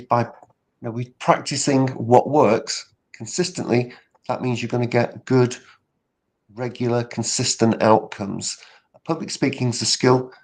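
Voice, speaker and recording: Man coaching on public speaking. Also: medium pitch. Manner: earnest, explains with everyday examples, many fillers and restarts. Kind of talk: conversational interview answer.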